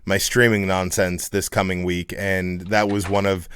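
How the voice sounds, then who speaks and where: A man's voice: low-pitched, level tone, normal speed, a bit bright, clean tone, no echo. Male co-host, 30s, dry close sound, rambling and profane, lots of false starts. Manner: rambling, profane, many restarts. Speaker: podcast co-host. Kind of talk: casual chat.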